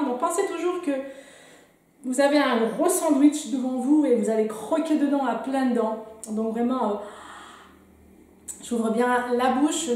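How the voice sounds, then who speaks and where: Calm drama teacher woman in echoey room. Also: high voice. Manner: calm, gently encouraging, leading exercises aloud. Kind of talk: guided warm-up lesson. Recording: very echoey room with music behind.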